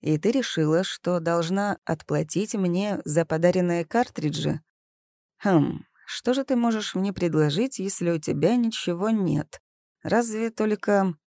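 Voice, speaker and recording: Brief: female narrator doing a cool, arrogant young man in an audiobook, smug and teasing, low dark tone. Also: unhurried, no echo, clean studio sound. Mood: stern.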